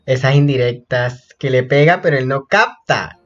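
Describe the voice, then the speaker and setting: A young man giving casual, gossipy reaction commentary, excitable and prone to sudden shrieks. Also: mid-range voice, normal speed, muffled recording, soft background music. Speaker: reaction vlogger.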